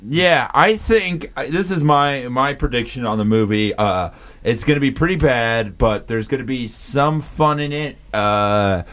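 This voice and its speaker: A man's voice: mid-range voice, measured pace, fairly bright tone. A man co-hosting a casual comedy podcast, rambling with restarts and fillers. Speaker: podcast co-host.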